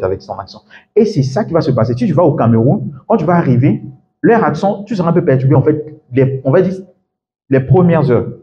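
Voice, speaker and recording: A man's voice: medium pitch, mellow, slight background noise. A man coaches a live group in casual French, repeating English words to model how they sound. His voice sits in the middle of the range. The recording is dull and lo-fi, with a roomy echo. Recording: echoey room, dull lo-fi sound.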